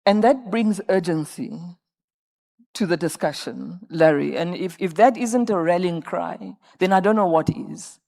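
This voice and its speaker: Woman panelist in her fifties with a gravelly edge and an emphatic, rallying conference delivery. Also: fairly low pitch, measured pace, dark tone. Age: 50s. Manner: emphatic, rallying, repeats words when searching. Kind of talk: panel discussion remarks. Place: conference stage.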